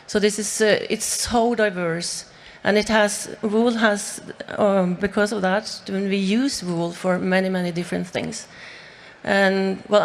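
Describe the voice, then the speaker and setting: Woman, from Norway, Norwegian native, panel talk, gravelly, hesitant. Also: mid-range voice, a little hiss or hum. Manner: hesitant, many fillers and restarts. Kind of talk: panel discussion.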